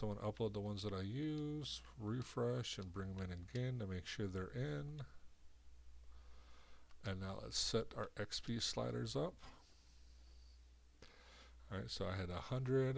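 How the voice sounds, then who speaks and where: A man's voice: mid-range voice, slow, creaky, pauses often. A man with a cold streaming a video game, rambling and thinking aloud as he sets things up. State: sick with a cold, coughing. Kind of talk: casual commentary while setting up a video game.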